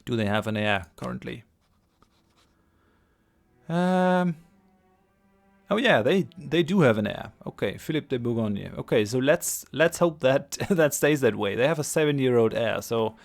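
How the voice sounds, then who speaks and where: A man's voice: medium pitch, vocal fry. A man with a congested, stuffy-nosed voice from a cold, giving let's play commentary as host, hesitant and repeating phrases for emphasis. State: has a cold. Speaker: gaming channel host.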